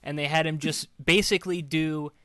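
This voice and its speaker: A man's voice: on the high side, normal speed, dry recording, clean studio sound. A man co-hosting a casual movie-review chat, riffing loosely and swearing freely. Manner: profane, animated riffing. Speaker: podcast co-host.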